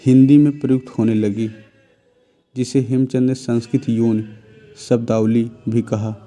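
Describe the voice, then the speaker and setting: A man with a warm, medium-pitched voice gives a spoken lesson on Hindi grammar. He reads sentences one by one and labels each correct or incorrect, now and then asking quiz-style questions that he answers himself.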